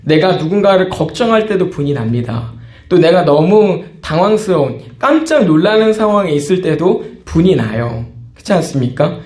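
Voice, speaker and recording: A man's voice: fairly high pitch, big pitch swings, normal speed, darkish tone, reverberant. A man preaching a sermon as pastor, talking conversationally and acting out small scenes. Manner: conversational preaching, acts out quoted outbursts.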